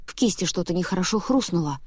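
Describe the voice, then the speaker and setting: A woman narrating a first-person audiobook in an expressive, lively storytelling manner, close to the mic. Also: lowish voice, fast, dry recording.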